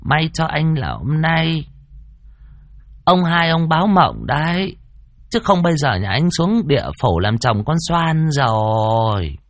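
A man voicing a wise old great-grandmother who speaks firmly and in a measured, scolding way. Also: on the high side, very animated, no echo, pitched above the performer's own voice. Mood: stern.

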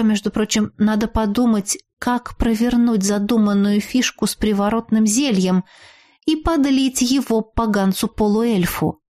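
A woman narrating an audiobook in the first person, reading expressively and drawing out words for dramatic pauses. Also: medium pitch, warm tone.

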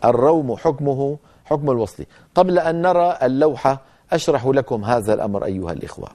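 A man teaching a tajweed lesson, explaining rules step by step and slowly chanting recited examples. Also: medium pitch, expressive, warm tone.

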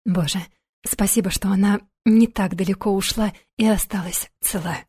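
A woman reading a first-person story aloud in a gentle, soft-spoken narrating voice. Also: mid-range voice, steady tone, normal speed, breathy edge. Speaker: audiobook narrator.

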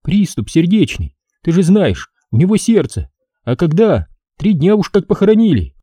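In this audiobook, a tearful, grieving mother speaks through sobs, as a man reading the book plays her. Her trembling voice sits above his usual pitch, with a husky, mellow grain and lively swings of pitch. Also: moderate pace, no echo, clean studio sound, heavily acted. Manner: sobbing, trembling speech.

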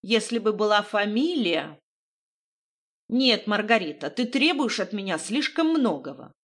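A woman voicing a fussy, resentful older man in an audiobook, with a creaky, indignant, lecturing manner. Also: mid-range voice, very animated, measured pace, a bit bright. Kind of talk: audiobook reading.

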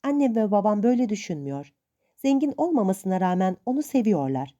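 A woman's voice: medium pitch, very animated, brisk, mellow, dull audio, lightly acted. A woman voicing a proud, stubborn young woman who speaks earnestly and defiantly in a storybook reading.

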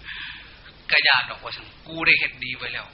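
A man with an Isan accent voicing a blunt, hoarse village woman back from the dead, speaking slowly and quietly in a dull, lo-fi recording. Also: mid-range voice, pitched below the performer's own voice, natural voice. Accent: northeastern Thai (Isan). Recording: dull lo-fi recording with faint hiss.

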